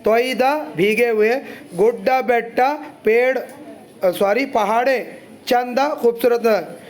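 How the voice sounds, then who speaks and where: A man teaches a poem to his students in a very high voice. He walks through it line by line, chatty and loose, and breaks off for side remarks. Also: steady tone, slow pace. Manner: chatty, explains line by line with asides.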